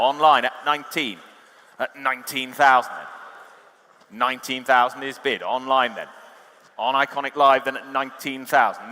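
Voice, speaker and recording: A man's voice: mid-range voice, bright, forceful tone. A man calling a live auction, chatty and joking with the bidders. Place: large reverberant auction hall. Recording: reverberant hall, amplified sound.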